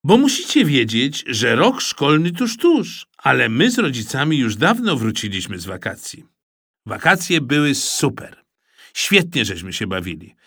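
A man narrating a children's storybook aloud in a lively, expressive manner, recorded close on a studio mic. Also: mid-range voice, unhurried, no room sound. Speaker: audiobook narrator.

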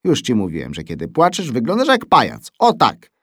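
A man's voice: medium pitch, wildly swooping pitch, brisk, no room sound, clean studio sound, pitched above the performer's own voice. A man voicing a jolly father who lectures his son in a storybook reading. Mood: teasing. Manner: firm, lecturing.

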